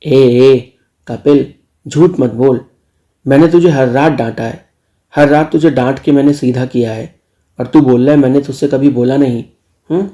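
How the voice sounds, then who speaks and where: Male narrator as a bossy teasing uncle, low and dark in tone. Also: normal speed, highs cut off, close to an everyday voice. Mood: scolding. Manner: teasing, scolding.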